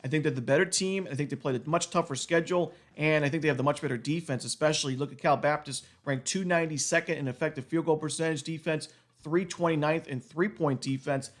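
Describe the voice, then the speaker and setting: A slightly high-voiced man who has a cold and is losing his voice a little runs quickly through a list of sports bets by himself, citing plenty of numbers.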